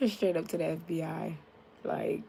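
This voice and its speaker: A young American woman livestreams, chatting frankly with viewers, greeting them by name and using lots of fillers, speaking into a tablet mic. Her voice sits low and is creaky with a fairly bright tone, and a little hiss or hum is audible.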